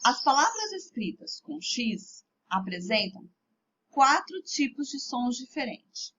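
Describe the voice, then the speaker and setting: A woman teacher with a Brazilian Portuguese accent gives a remote lesson to young pupils, speaking slowly and carefully sounding out each word. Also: high-pitched, sing-song, fairly bright tone, highs cut off, a little hiss or hum. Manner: slow, clearly articulated, spelling out words for children. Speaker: primary school teacher.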